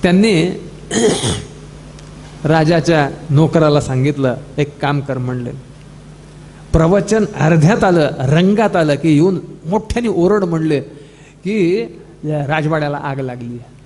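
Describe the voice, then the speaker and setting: A man with a Marathi accent giving a devotional discourse, telling a parable and acting out the characters' lines in animated quoted dialogue. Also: a little high, slow, long pauses, long reverb tail, a little hiss or hum. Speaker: scripture discourse speaker.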